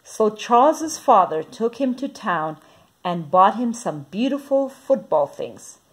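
A woman reading a children's picture book aloud, lively and expressive. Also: medium pitch, slow pace, husky. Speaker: storyteller.

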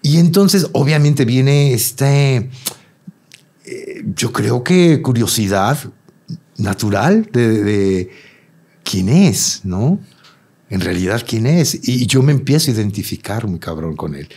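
A man's voice: medium pitch, slow pace, breathy edge. A Mexican man in his thirties, a guest telling a personal story in casual chat, acting out the voices of the people in it. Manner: animated storyteller, acts out quotes.

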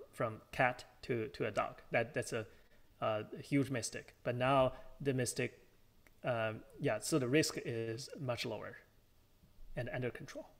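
A man with a tired voice, answering audience questions after an academic talk, halting and thinking aloud. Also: mid-range voice. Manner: halting, restarts often with fillers. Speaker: guest speaker.

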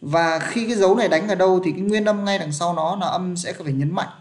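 A man's voice: high-pitched, quick pace. A man, teaching an English pronunciation class online and patiently checking that his students are following.

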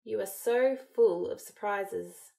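A woman's voice: fairly high pitch, moderate pace, darkish tone, close to an everyday voice. A woman reading an audiobook and voicing a cold, mocking young aristocratic man with a dry, drawling delivery. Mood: musing.

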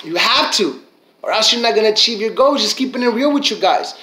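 High-voiced energetic motivational speaker, a man. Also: a little fast, roomy sound, rough recording. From Mexican heritage. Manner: preachy, repeats phrases, acts out inner voices. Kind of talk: motivational talk.

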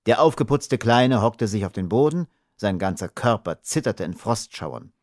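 A male audiobook narrator with a low voice that rises and falls lively through the story. His expressive reading sits close and dry, with no room sound around it. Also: moderate pace, no room sound. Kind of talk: scripted narration.

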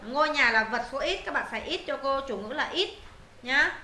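A woman's voice: high voice, lively intonation, brisk, sharp tone, roomy sound, slight background noise. A woman English teacher, walking students through exam answers, repeating words and checking they follow. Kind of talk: exam answer walkthrough lesson.

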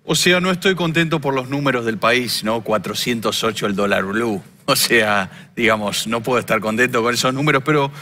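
A man impersonating a libertarian presidential candidate with an Argentine accent, rambling through "o sea, digamos" fillers and breaking into shouts. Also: mid-range voice, a little fast, few pauses, natural voice. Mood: smug. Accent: Argentine Spanish. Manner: filler-laden, saying "o sea, digamos" constantly, with bursts of shouting. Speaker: comedian on a radio show. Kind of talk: satirical impersonation sketch.

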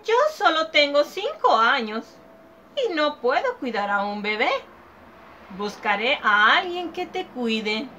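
An earnest five-year-old child in a storybook read-aloud, voiced by a woman. The voice is high, bright and pleading, with a lively, bouncing lilt. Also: takes it slowly, slight background noise, full character voice. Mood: puzzled.

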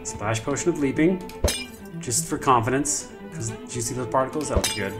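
An excitable man narrating his own gameplay, his voice sitting at an ordinary middle pitch. He babbles through panicked bits and jokey asides. Clear background music plays under him the whole way. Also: moderate pace. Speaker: gaming commentator. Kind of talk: live gameplay commentary.

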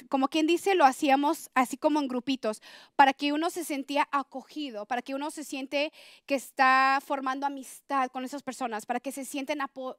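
A woman's voice: high voice, no echo, studio quality. A woman giving a personal conversion testimony to an audience, earnest and confessional, growing more intense as she tells it.

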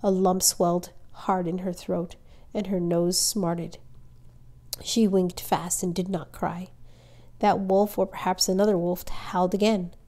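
Mellow-voiced woman reading a children's story. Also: fairly low pitch, little pitch movement, unhurried. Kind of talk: reading a children's novel aloud.

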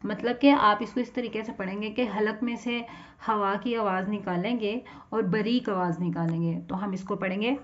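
A woman's voice: medium pitch, steady tone, moderate pace, hardly any pauses. A woman with a Pakistani Urdu accent teaching children to read letters, patiently repeating each sound and explaining how to shape the mouth. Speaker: teacher of Quran reading for children. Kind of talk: slow spoken lesson, drawing out letter sounds. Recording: dull lo-fi sound.

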